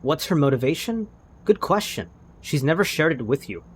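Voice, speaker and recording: A man's voice: fairly high pitch, very animated, moderate pace, a little hiss or hum. A man co-hosting a casual game playthrough, narrating scenes and teasing with hesitant phrasing. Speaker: co-host guiding and narrating a game.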